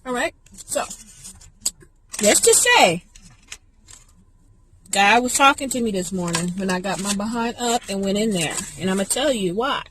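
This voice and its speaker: A woman talks between bites in a relaxed mukbang vlog, her voice sitting at a middle pitch. Her talk is loose and rambling and full of asides. A faint noise lingers underneath. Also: measured pace, long pauses, rough recording. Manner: chatty, rambling, talks while eating. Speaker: vlogger. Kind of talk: casual mukbang chat.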